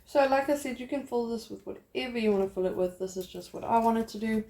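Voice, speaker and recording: A woman's voice: fairly high pitch, fast, mellow. A young woman from South Africa, chatting casually and rambling a little as she works at her craft desk, poking fun at herself as she goes. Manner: chatty, rambling, self-deprecating. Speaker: craft vlogger. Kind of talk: casual crafting tutorial chat.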